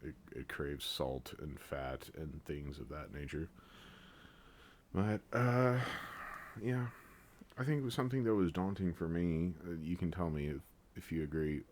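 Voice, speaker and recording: A man's voice: a bass voice, steady tone, a little slow, darkish tone. A man co-hosting a casual chat podcast, rambling with fillers and joking as he talks. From Japan. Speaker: podcast co-host.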